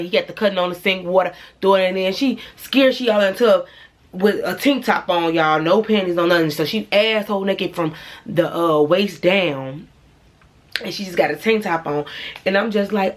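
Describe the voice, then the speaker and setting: A young woman vlogger telling a dramatic personal story to her viewers, blunt and profane, speaking straight to camera. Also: on the low side. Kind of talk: storytime vlog.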